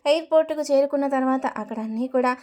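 High-voiced woman reading a serial story. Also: fast. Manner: steady, even storytelling. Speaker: story narrator.

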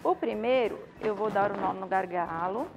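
A woman's voice: medium pitch, normal speed. A Brazilian woman in her thirties gives an informal hands-on tutorial, often adding short checking questions. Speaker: balloon decoration instructor. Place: indoor studio with balloon wall. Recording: music playing under the voice. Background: clear background music.

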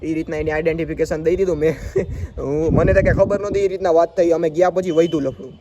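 A man's voice: on the high side, fast, highs cut off, a crowd in the background. A young man, telling a story in a casual vlog and acting out the exchanges. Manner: animated, acts out quoted exchanges. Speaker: vlogger. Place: outdoors by a school.

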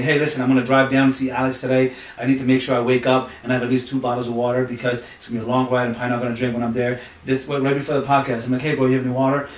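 Male podcast guest, mid pitch, quick and preachy, roomy off-mic sound. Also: recorded from a distance. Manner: preachy, emphatic, uses sayings and analogies. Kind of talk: motivational talk.

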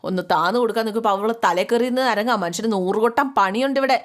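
A woman's voice: a little high, rapid-fire. Woman retelling a serial, chatty. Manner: chatty, addresses listeners directly, acts out characters' quarrels. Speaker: storyteller recapping a TV serial. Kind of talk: casual retelling of a serial episode with voiced dialogue.

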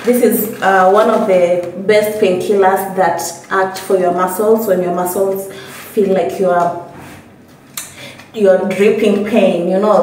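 A woman's voice: medium pitch, distant mic, slight background noise. Chatty young woman vlogging in an echoey room. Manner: chatty, animated, laughing often. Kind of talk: casual vlog chat to camera. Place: small indoor room, then outdoors by a pool. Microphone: phone camera set at a distance. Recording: echoey room, voice from off-mic, music behind.

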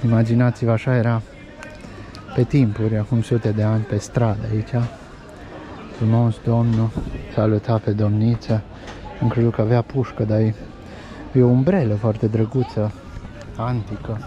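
With a lowish voice that barely moves in pitch, a man vlogs his way through a pedestrian old town, pausing often as he notes sights, food and prices. Crowd noise and street sounds come through the lo-fi outdoor recording.

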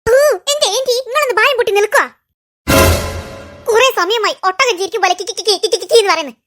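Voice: very high-pitched, lively intonation, rapid-fire, pushed and bright, faint music behind, heavily acted. A voice artist playing a cheeky, attention-seeking little boy in a comic cartoon, with a whiny, sulky voice. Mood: annoyed.

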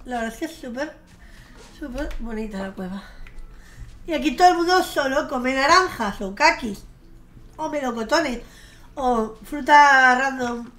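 High, bright-voiced woman playing a game. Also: animated, measured pace, long pauses. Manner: gushing, squealing outbursts of delight; chatty, swears casually. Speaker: streamer. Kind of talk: gameplay commentary. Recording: faint game music behind her.

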